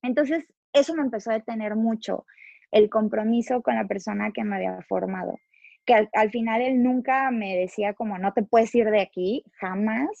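A woman's voice: a little high, moderate pace, creaky, darkish tone, no echo. A woman in her thirties with a Mexican Spanish accent, a podcast guest telling her story in a chatty way, full of fillers and the odd casual swear, often quoting her own past thoughts. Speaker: podcast guest, agency founder. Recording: dull, dry, slightly lo-fi.

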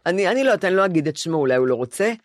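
Older woman, co-host, casual chat, animated storyteller, lively pitch, dry close recording. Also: no room sound. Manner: animated storyteller, acts out quoted voices.

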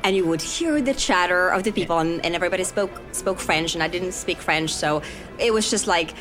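A woman chats as a podcast guest, her voice sitting a little low for a woman. She talks in a loose, easygoing way, often checking in with "right?" and "you know". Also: fairly quick, over music. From Finland. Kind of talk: conversational interview.

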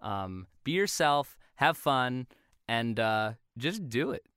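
A man's voice: medium pitch, sing-song, slow, fairly bright tone, smooth, no echo, studio quality. A young man, a voice actor, chatting casually as a guest on a podcast, laughing often.

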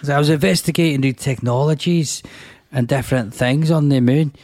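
A man's voice: mid-range voice, fairly quick, background noise. A man co-hosting a casual podcast, reacting bluntly and swearing as he tells stories. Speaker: podcast co-host. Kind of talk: casual chat.

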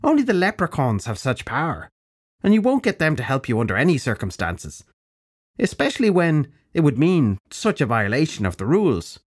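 A man reading an audiobook, voicing a cackling old crone who is blunt and wise, in brisk, matter-of-fact lectures. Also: on the high side, huge pitch swings, husky, voice pushed up, full character voice. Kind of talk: audiobook narration.

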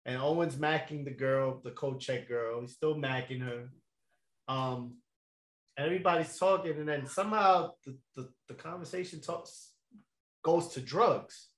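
A man's voice: medium pitch, a little slow. A young man telling a long story in a casual chat, laid-back and slangy, with lots of fillers and laughs. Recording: echoey room.

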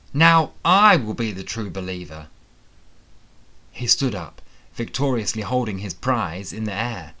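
A man narrating a fantasy thriller audiobook in the first person, with steady, dramatic storytelling. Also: fairly low pitch.

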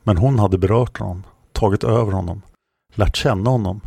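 A man reading a fantasy novel aloud in a measured, somber narrating voice. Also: fairly low pitch, creaky, dark tone, husky, dry recording. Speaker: audiobook narrator. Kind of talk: scripted narration.

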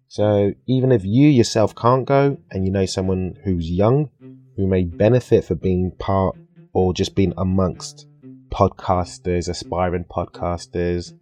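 Playful male podcast host, low voice. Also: darkish tone. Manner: playful, laughs and jokes with guest. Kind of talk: casual interview chat.

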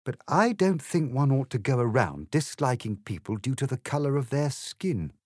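A prim, well-mannered young English girl in a storybook, speaking with polite, measured reproof, as a man raises his voice to play her. Her lines rise higher than the narration, with a lively lilt, and sound dry and close. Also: no echo. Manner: proper and gently reproving.

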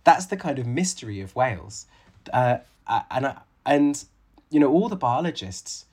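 This husky, darkish male voice sits at medium pitch and moves at a moderate pace with big swings in pitch. He's a biologist and author in his late thirties, being interviewed conversationally and thinking aloud with frequent fillers and restarts.

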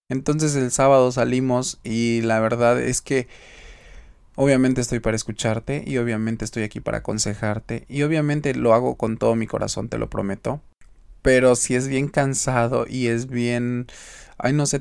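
A man's voice: medium pitch, creaky, a little mellow, smooth, no room sound, clean studio sound. A man with a Mexican accent hosting a podcast, talking straight to the listener in a chatty, emphatic way as he gives advice. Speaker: podcast host. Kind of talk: casual advice monologue.

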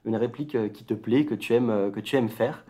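A man's voice: fairly low pitch, a little fast, dark tone. A man co-hosting a casual podcast, asking questions in a playful, teasing way. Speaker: podcast co-host.

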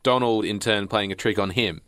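A man's voice: lowish voice, a little fast, a bit bright, no room sound, studio quality. A young man co-hosting a podcast, chatting casually, laughing often and tripping over his words. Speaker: podcast co-host. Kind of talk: casual chat.

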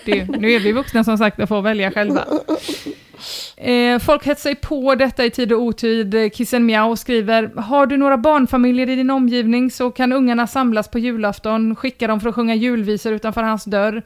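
A woman's voice: fairly high pitch, fairly even intonation, clear, resonant tone. A woman hosting a casual chat, dryly reading forum posts aloud and acting out the quoted lines with amusement. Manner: dry, amused, acts out quoted dialogue; mock-solemn when reading aloud.

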